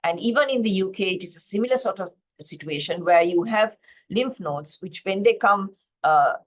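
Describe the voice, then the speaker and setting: A woman's voice: medium pitch, lively intonation, normal speed. Woman, from Sri Lanka, pathology lecturer, slide lecture, fillers and restarts, video call. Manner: explanatory, frequent fillers and self-corrections. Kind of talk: slide-based teaching lecture.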